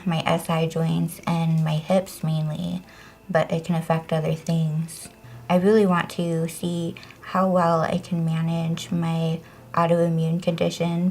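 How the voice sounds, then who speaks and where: Slow, flat-voiced woman, halting speech. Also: fairly low pitch. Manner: halting, many fillers. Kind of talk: interview testimonial.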